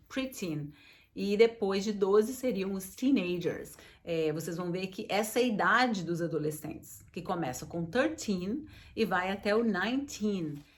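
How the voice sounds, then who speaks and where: A woman teaching in a casual video lesson, friendly and lively, breaking up her explanations with slow, clearly spoken English examples. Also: mid-range voice. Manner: friendly, addresses viewers as gente.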